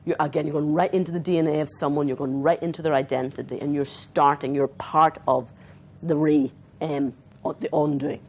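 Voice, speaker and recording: An Australian woman giving a conference talk as a trauma therapist, animated and acting out dialogue with clients. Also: low voice, a little fast. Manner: animated, acts out client dialogue, talks with her hands. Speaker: trauma therapist presenting to counsellors. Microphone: not handheld, clip-on.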